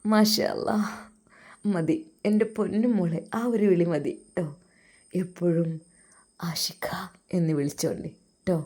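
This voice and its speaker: A woman voicing a tender, doting young religious teacher husband who coaxes his wife, her voice hoarse and pushed lower. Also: a little slow, long pauses, warm tone. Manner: coaxing, affectionate, murmuring.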